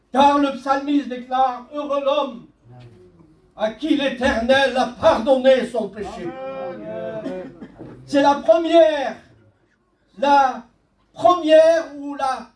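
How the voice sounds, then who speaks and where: A man preaching a sermon as pastor, speaking slowly and deliberately and quoting scripture. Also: extremely high pitch. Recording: echoey church hall, mic at a distance.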